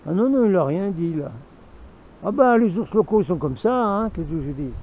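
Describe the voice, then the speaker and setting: Gravelly-voiced man telling a rambling story. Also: high-pitched, animated, moderate pace, narrow, tinny audio, slight background noise. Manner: rambling, repetitive, talks to himself in asides. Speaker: vlogger. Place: outdoors in the mountains.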